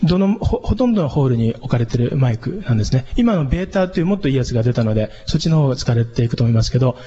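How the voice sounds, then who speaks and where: A man, a church pastor, giving a casual spoken lesson on singing and microphones, chatty with many fillers and lively leaps in pitch. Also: rapid-fire, husky. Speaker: church pastor teaching singers. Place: church hall. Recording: dull lo-fi sound with long reverb.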